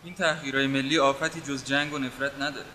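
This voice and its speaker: A man's voice: medium pitch, steady tone, noisy background, natural voice. An actor playing a principled man who argues in a firm, earnest, indignant way. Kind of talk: period TV drama acting.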